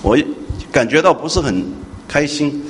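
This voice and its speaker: A male pastor preaching a sermon, swinging from hushed to loud and questioning his congregation. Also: fairly high pitch, animated, a little slow. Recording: echoey hall with faint noise.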